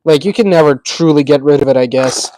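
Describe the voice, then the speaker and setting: Over some background noise, a somewhat high-voiced man talks briskly during a laid-back livestream. He's a native Russian speaker with a faint accent who builds as he chats, laughing often and answering comments.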